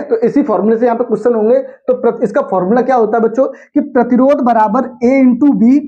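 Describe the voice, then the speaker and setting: A young adult male teacher gives a classroom lecture in a high voice. He asks each point back to the students as a question and chants the memory aids slowly. The recording sounds dull and lo-fi. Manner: slow sing-song chanting of mnemonics.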